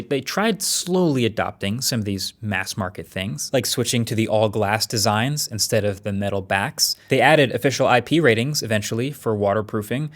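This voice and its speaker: A man giving conversational tech commentary as a video reviewer, casual and wryly understated, with deliberate emphasis. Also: mid-range voice.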